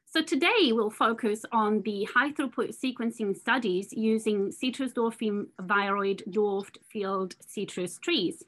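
Woman researcher, academic talk, measured delivery, mid-pitched voice. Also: fairly bright tone. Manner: measured, explanatory, with fillers. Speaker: scientist presenting research. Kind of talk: academic presentation.

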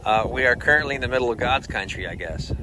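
A man's voice: medium pitch, lively intonation, quick pace, background noise. A man in his fifties hosting a hot rod vlog, talking in a dry, self-deprecating way while he works in his garage and on the roadside. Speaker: hot rod builder and channel host. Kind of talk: casual workshop vlog narration.

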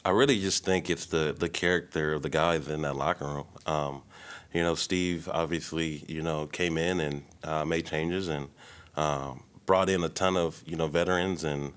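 A young male baseball player with a very deep, clear, resonant voice answers questions at a post-game press conference. He's relaxed and laid-back, speaking at a moderate pace with many ums and you-knows, into a desk mic on a stand in a press room in front of a logo backdrop.

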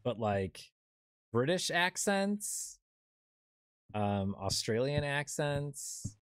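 Casting: young adult game streamer, rambling chat, lively pitch, dry close sound. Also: very slow, clean tone, dry recording. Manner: rambling, many fillers and restarts. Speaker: streamer playing a horror game. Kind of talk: casual chat while gaming.

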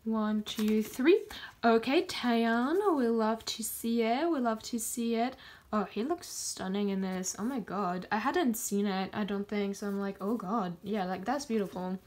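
A woman chatting casually as she unboxes photocards, gushing and excitable, gasping and counting down before each pull. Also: medium pitch, normal speed. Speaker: kpop collector vlogger.

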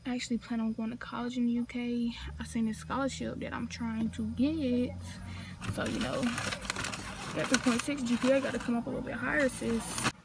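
A woman's voice: on the high side, flat delivery, moderate pace, gravelly, very noisy. A young woman in her late teens with a North Carolina accent, chatting casually and rambling into her phone outside, full of slang and side remarks. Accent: North Carolina Southern US. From North Carolina, USA. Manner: chatty, slangy, meandering asides. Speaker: vlogger. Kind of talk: casual rambling vlog chat. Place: outdoors, sitting outside. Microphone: phone camera.

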